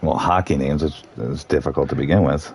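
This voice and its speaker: A man commentating live on a sim race, reading out the starting grid in a relaxed, joking way. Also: extremely low pitch, fairly quick, slight background noise.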